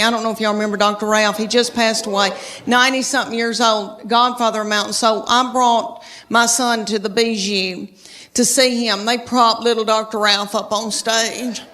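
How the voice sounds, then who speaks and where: On a comedy stage before a live audience, a woman in her fifties from the Southern United States runs a chatty stand-up routine. Her voice is fairly high and fairly bright, and she drawls as she talks straight to the crowd.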